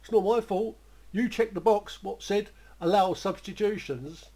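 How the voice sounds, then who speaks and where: A man's voice: sits high, unhurried, warm tone, voice pushed up. A man voicing a blunt, offhand delivery driver in a told story. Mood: dismissive. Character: blunt working-class male delivery driver.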